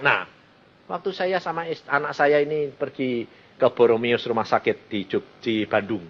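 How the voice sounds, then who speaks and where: A man preaching a storytelling sermon, acting out the voices of people in his story. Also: mid-range voice. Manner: animated, acts out dialogue in the story. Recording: muffled lo-fi sermon recording.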